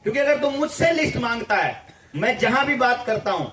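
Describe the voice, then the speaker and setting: A man's voice: very high-pitched, expressive, fairly quick, fairly bright tone, a little hiss or hum. A man leading a campaign, speaking informally to a gathering, emphatic and repetitive, firing off rhetorical questions. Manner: emphatic, repeats phrases, rising rhetorical questions. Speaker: campaign leader addressing supporters. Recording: echoey room, voice from far off.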